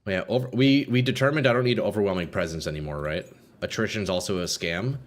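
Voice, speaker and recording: A man's voice: on the low side, fast talker. A young man live streaming a video game, chatting casually with his viewers in a slangy, sweary frat-bro manner.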